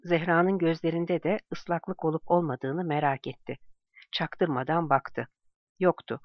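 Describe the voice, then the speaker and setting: An audiobook narrator reading a novel chapter in an even, measured way. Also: mid-range voice, no room sound, dull audio. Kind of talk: scripted narration.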